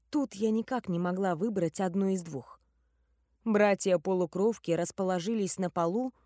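A woman's voice: mid-range voice, darkish tone, no echo, clean studio sound. A woman reading a first-person fantasy audiobook, with a wry, ironic tone. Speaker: narrator.

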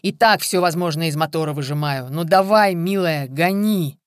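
A gruff male driver, as the narrator puts him on, snapping back while pushing the car. He is loud and blunt. The sound is dry. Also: high voice, slow pace, dry recording.

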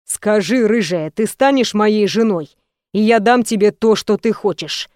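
A woman's voice: mid-range voice, a little slow, darkish tone, no room sound, clean studio sound, close to an everyday voice. A woman voicing a playful, cocky young man in love, with a teasing, tender and brash manner, in an audiobook.

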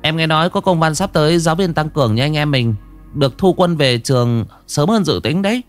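A man's voice: fairly high pitch, soft background music, voice pushed up, close to an everyday voice. A man voicing a chatty, cheerful young female schoolteacher in a spoken ghost story. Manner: chatty, brisk.

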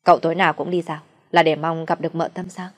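A woman's voice: sits low, level tone, quick pace. A woman voicing a curious, worried young manservant who keeps asking questions. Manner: inquisitive, prying.

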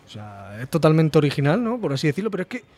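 A man from Murcia, Spain, hosting a podcast and telling stories about a video game in an animated, swear-heavy casual chat. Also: fairly high pitch, fast. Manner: animated storyteller, swears freely. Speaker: podcast host.

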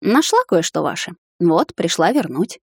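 A woman voicing a proud young witch heroine who is cool and mocking but quick to flare up. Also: on the low side, very animated, slightly rough, no room sound, clean studio sound, exaggerated voice.

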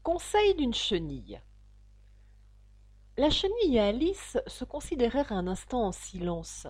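Slow, expressive woman storybook narrator. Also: fairly high pitch, no echo. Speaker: audiobook narrator.

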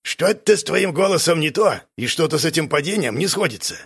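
A coarse bearded brute barks insults in a husky, gravelly voice pitched above a plain man's. A man acts him out for an audiobook. His tone swings hard between sneer and roar. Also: expressive, brisk, fairly bright tone, exaggerated voice. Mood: mocking. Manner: insulting, barking. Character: gruff bearded male brute, rude and scornful. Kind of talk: audiobook character voice.

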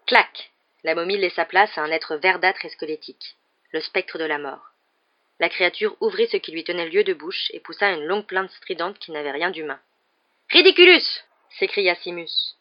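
Woman reading a book out loud, lowish voice, steady, kinda muffled lo-fi. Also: brisk. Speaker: audiobook reader. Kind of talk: reading a novel aloud. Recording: muffled lo-fi recording.

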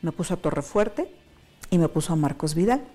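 A woman's voice: on the low side, moderate pace, faint music behind. A woman with a Mexican accent telling her personal faith testimony, acting out remembered dialogue. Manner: animated, acts out remembered dialogue. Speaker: interviewee giving testimony.

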